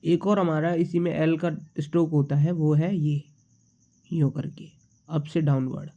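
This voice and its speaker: A man's voice: fairly high pitch, steady tone, unhurried, warm tone. A young man with a slight cold, patiently teaching shorthand in a casual tutorial and repeating each symbol as he writes it. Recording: dull lo-fi sound.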